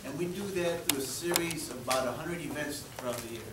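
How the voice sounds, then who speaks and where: A man's voice: on the high side, fast talker. A man in his fifties from Texas, hosting and introducing a presentation to an audience in a friendly, joking way, sometimes repeating words. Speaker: event host and presenter. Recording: echoey hall from far off, with noise.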